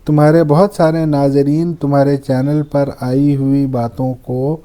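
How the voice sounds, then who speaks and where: A man's voice: medium pitch, little pitch movement, warm tone. A man, a guest poet, talking about poetry in a humble, courteous way and quoting verse. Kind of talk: reflective conversation on poetry.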